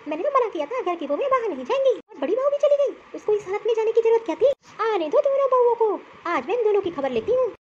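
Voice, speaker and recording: A woman's voice: very high-pitched, very animated, fast talker, hardly any pauses, muffled recording. A woman voicing a strict, bossy older mother-in-law in a cartoon story, scolding and commanding.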